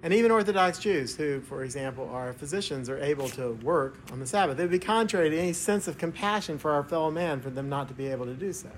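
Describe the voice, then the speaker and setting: A man preaching a homily in a church, speaking in a measured, formal way as if from a prepared text. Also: fairly high pitch, animated, slight background noise. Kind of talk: sermon, homily. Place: inside a church.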